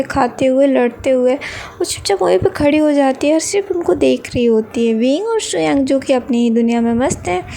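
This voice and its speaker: A woman tells a romantic fan fiction story in steady narration. Her voice is high and gravelly, with a mellow, dark tone. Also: a little hiss or hum.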